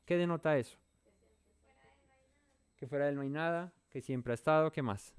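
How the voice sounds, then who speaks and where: A man's voice: on the high side, normal speed, clean tone, dry recording. A man leading an interactive Bible study, talking in a conversational way and often asking the listeners questions. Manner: conversational, thinks aloud.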